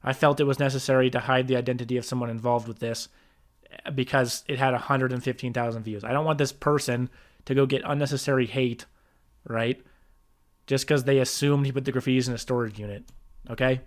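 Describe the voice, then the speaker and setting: A man's voice: mid-range voice, steady tone, a little fast. A man reacting to a video about himself, rebutting it point by point in a defensive, exasperated way and often restarting his sentences. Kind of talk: reaction commentary.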